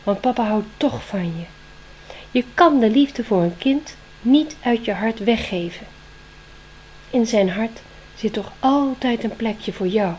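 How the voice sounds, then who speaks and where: A woman voicing a kind, wise male owl in a storybook, speaking gently and reassuringly, slowing down in places. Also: a little high, expressive, a little hiss or hum, rough recording. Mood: gentle.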